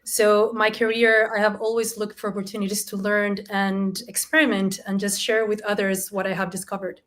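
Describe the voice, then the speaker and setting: A woman's voice: medium pitch, flat delivery, normal speed, a bit bright. Earnest female panel guest. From Chile. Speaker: design leader, panel guest. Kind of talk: panel discussion.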